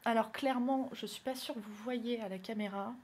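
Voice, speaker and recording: A woman's voice: a little high, fairly even intonation, a little fast, darkish tone. Chatty self-mocking French woman vlogger. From northern France. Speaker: beauty vlogger. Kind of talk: casual makeup tutorial. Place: indoors at home, by a window.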